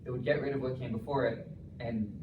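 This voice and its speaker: A man's voice: medium pitch, steady tone, fairly quick, highs cut off. Echoey, distant young man hedging through answers. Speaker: student defending a thesis. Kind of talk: answering examiners' questions at a thesis defense. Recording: echoey room, distant mic, clear noise.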